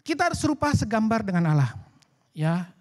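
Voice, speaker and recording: A man preaching. His pitch swings up and down a lot as he talks, and he keeps the sermon casual and chatty, slipping into bits of acted-out dialogue. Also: brisk. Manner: lively, colloquial, acts out dialogue. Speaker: pastor. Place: church worship service.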